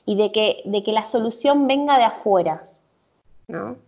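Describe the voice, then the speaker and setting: A woman's voice: mid-range voice, expressive, a little slow, darkish tone, lo-fi sound. A woman with a Rioplatense Spanish accent explaining emotions in casual chat, with many fillers and tag questions.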